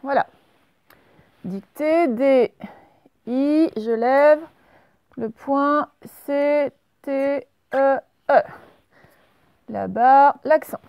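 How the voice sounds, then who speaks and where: A woman teacher leading a remote handwriting and dictation lesson, slowly spelling words out letter by letter. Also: sits high, a little mellow, no echo. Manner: slow, spells out letters step by step. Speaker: primary school teacher.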